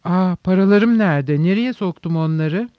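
A man voicing a reckless, excitable young man who talks brashly in an audiobook reading. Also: sits high, normal speed, no echo, close to an everyday voice. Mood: excited. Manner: impulsive, brash. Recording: dull dry recording.

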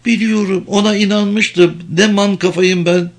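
A man voicing a desperate, hostile young woman captive with a thin, trembling voice, shrill and pleading. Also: fairly even intonation, measured pace. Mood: frantic.

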